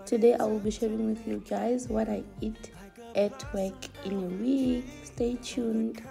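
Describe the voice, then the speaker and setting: A woman's voice: on the high side, steady tone, measured pace, creaky, dark tone, soft background music. A woman opening her vlog with a welcoming greeting to viewers. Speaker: vlog host.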